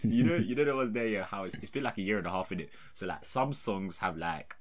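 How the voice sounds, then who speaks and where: A young man with a London roadman accent, chatting casually with a friend in slangy, sweary, animated banter. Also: lowish voice, quick pace. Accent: London, roadman slang style. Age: young adult.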